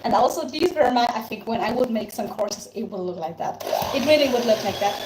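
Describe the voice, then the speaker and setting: Her voice is fairly high with lively intonation and a slightly quick pace: a young woman from Tyrol, native in Tyrolean German, with an Austrian German accent. She runs a casual baking live stream, talking freely, answering comments and thanking viewers often. Echo and background noise fill the room.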